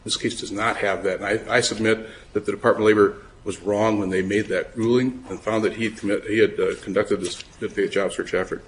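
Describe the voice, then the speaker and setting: A man's voice: on the low side, steady tone, brisk, hardly any pauses, slight background noise, low-quality recording. Man arguing a case in court. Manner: conversational, restarts often, acts out quoted speech. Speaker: attorney arguing before appeals court. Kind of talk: oral argument in court.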